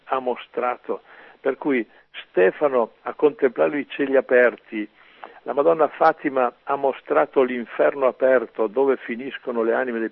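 A man's voice: mid-range voice, creaky, no room sound. A man preaching on scripture in an emphatic way, with rhetorical questions and frequent fillers. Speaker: priest. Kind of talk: sermon commentary on scripture. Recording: tinny radio broadcast.

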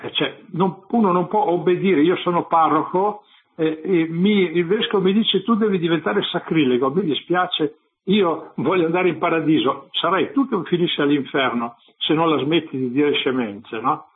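Husky-voiced priest over phone-like radio. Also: male voice, a little high, normal speed. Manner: exhorting, scolding, addresses listeners directly. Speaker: parish priest. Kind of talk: preaching talk on religious radio. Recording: narrow phone-like radio sound.

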